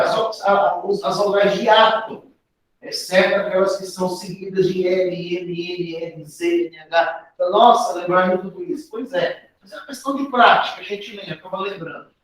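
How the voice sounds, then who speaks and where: A man with a Brazilian accent teaching a grammar lesson for an exam, explaining step by step and often adding tag questions. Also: sits high. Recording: very echoey room, voice from a distance.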